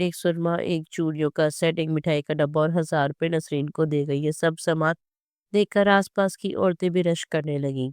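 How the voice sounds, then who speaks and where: Smooth, dry storybook narrator. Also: mid-range voice, no room sound. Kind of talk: scripted narration of a novel.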